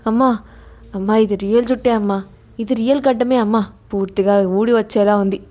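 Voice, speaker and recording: A woman plays a cowardly fake holy man in a storybook audio drama, wailing and begging to be let go. The voice stays at her own middle pitch. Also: fairly even intonation, fairly quick, warm tone, lightly acted. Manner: wailing, pleading.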